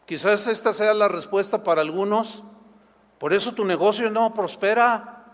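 A man preaching a sermon as a pastor, in an animated, conversational way with quick asides. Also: high-pitched. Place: church sanctuary. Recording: long hall reverb.

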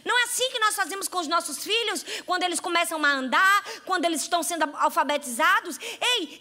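High, bright-voiced woman preaching. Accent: Northeastern Brazilian Portuguese. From Northeast Brazil. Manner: animated, exhorting, talks straight to listeners, often laughing. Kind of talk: sermon.

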